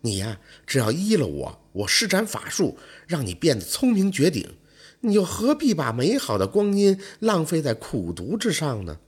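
A man's voice: fairly high pitch, huge pitch swings, moderate pace, breathy edge, heavily acted. A man putting on a teasing young fox spirit woman. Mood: coaxing. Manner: coaxing, teasing, later spiteful. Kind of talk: storytelling role voice.

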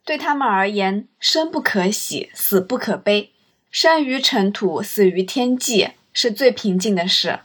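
A woman's voice: mid-range voice, expressive, a little slow, husky. Reflective woman narrating a travel story. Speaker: storyteller and host. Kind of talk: scripted first-person travel narration.

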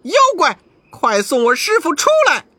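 Sun Wukong, a brash shouting monkey king, as a man puts him on. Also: high-pitched, sing-song, unhurried, dry recording, voice pushed up, exaggerated voice. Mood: defiant. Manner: shouting, scornful.

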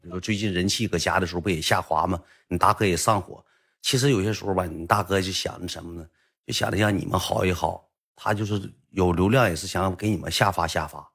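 A man voicing a pregnant young wife who speaks quietly and gently to calm a guest. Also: sits low, quick pace, vocal fry, breathy edge, full character voice. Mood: soothing.

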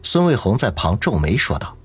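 A man's voice: lowish voice, very animated, moderate pace, slightly rough, no echo. A man narrating a novel as an audiobook, with dramatic storytelling. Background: faint music.

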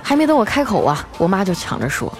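A woman with a mid-range voice and wildly swooping pitch hosts a stream, spinning comic stories about everyday life in a chatty style. She draws out the particles closing her phrases, and background music plays behind her.

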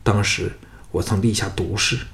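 A man reading the lines of a scheming, vengeful young noblewoman in a soft, subdued voice. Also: on the low side, fairly even intonation, moderate pace, creaky.

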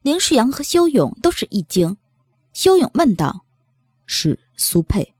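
A woman narrating a novel aloud in a lively storytelling manner. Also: high-pitched, moderate pace, no room sound, clean studio sound. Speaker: audiobook narrator. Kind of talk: novel reading.

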